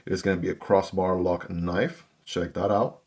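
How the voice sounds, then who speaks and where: Unboxing and reviewing a knife on his gear channel, a man chats casually and directly with his viewers. His voice is deep, husky and a little mellow, with a level tone and a normal speed.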